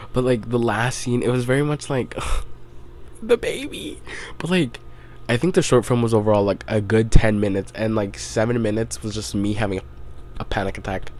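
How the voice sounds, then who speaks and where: Young male podcast host, low-pitched, rambling casual recap, filler-heavy. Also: steady tone, moderate pace, a little mellow, a little hiss or hum. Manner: loose storytelling, heavy on "like", swearing.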